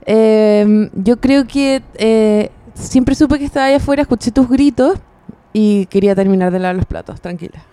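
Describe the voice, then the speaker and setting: A woman's voice: on the high side, normal speed, mellow, clean tone. A woman with a Chilean accent, co-hosting a podcast and bantering back, swearing freely. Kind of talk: casual chat.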